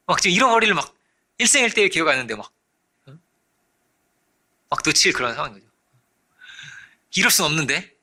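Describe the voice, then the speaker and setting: A man preaching a sermon as pastor, animated, often checking in with his listeners and acting out the voices in his story. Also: fairly high pitch. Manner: animated, acts out quoted voices; frequent rhetorical checks to congregation.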